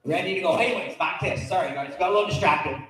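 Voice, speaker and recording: Man doing a high-pitched Vermont hunter in an echoey hall. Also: very fast, fairly bright tone. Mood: easygoing, distracted. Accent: thick Vermont. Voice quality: thickly mumbled, hard to understand. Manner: rambling, folksy, repetitive. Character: folksy old Vermont hunter back from heaven. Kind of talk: comic live sketch.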